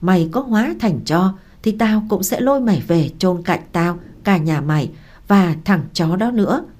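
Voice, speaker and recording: A woman's voice: lowish voice, expressive, normal speed, a little mellow. A woman voicing a violent young husband who snarls threats in harsh, menacing tones.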